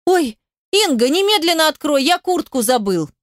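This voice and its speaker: A woman's voice: high voice, big pitch swings, normal speed, no room sound, studio quality, pitched above the performer's own voice. A woman voicing a self-important man, the narrator's ex-husband, who grumbles, sulks and takes offense. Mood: shouting.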